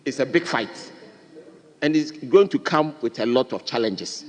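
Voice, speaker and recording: A man's voice: mid-range voice, animated, measured pace. A man with a Ghanaian accent giving an insistent parliamentary debate speech as a member. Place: large parliament chamber. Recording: echoing chamber with long reverb.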